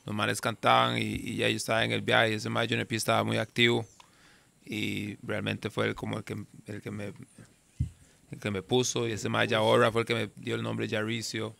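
A man with a Costa Rican accent, a guest artist telling stories in a relaxed, slangy way in a casual interview. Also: lowish voice, moderate pace, creaky. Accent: Costa Rican Spanish. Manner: laid-back storyteller, slangy, trails off.

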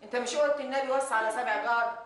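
An actress playing a chatty wife gossiping about a neighbor, in an Egyptian accent. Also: female voice, a little high, fairly even intonation, racing, a bit bright, close to an everyday voice. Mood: gossipy. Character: gossiping wife, amazed at a neighbor's bad luck. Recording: very echoey room.

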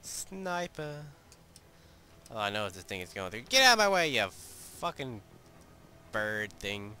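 A man with a very low voice and a sharp, tense edge to it, narrating his game. He talks offhand and crude, swearing freely as he goes. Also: very animated, normal speed, a little hiss or hum. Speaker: gamer. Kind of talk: let's play commentary.

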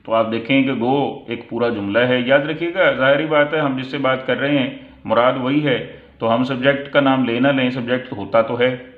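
A man's voice: mid-range voice, steady tone. Man teaching grammar, tinny and echoey. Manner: slow, deliberate reading of English example sentences, then explaining in Urdu. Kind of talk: explanatory lesson. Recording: echoey room, tinny phone-like sound.

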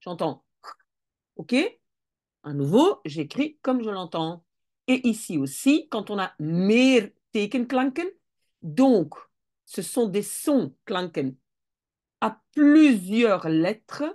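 A woman's voice: medium pitch, lively intonation, slow, darkish tone. A woman teaching Dutch spelling rules, explaining step by step and often correcting herself as she thinks aloud. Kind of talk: casual explanatory lesson.

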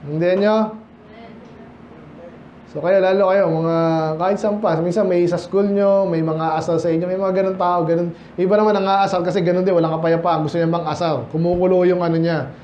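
A Filipino pastor leads a midweek Bible study in a church hall, preaching conversationally, often putting questions to the congregation and mixing English with Tagalog. His voice sits high with a steady tone and a brisk pace. The room echoes, the highs are cut off, and there's a little hiss or hum.

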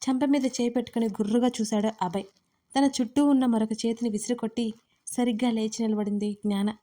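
A woman narrates her own romantic audio story with a fairly high voice. Her delivery is lively and expressive. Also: brisk. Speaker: writer and narrator.

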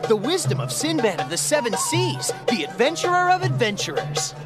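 A cocky young hedgehog hero for a video game. His voice is high and swings with lively, casual confidence. Music sits clearly behind the wry lines. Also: normal speed. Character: cocky, breezy, heroic teenage male cartoon hedgehog. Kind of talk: video game cutscene acting. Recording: music under the voice.

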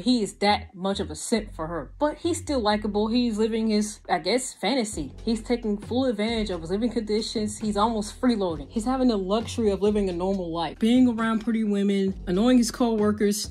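A young woman giving a frank, exasperated anime review in casual vlog style, talking with lots of hand gestures. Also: mid-range voice. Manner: animated, gestures a lot while talking. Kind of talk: casual video commentary. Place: small indoor room with a gaming desk setup.

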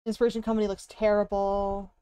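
A woman's voice: mid-range voice, flat delivery, fast, dark tone, smooth, no room sound. A young woman chatting casually on a livestream as she browses, with a cute, bubbly anime-streamer delivery and exaggerated reactions. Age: young adult. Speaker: live streamer. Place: indoor room at a streaming desk.

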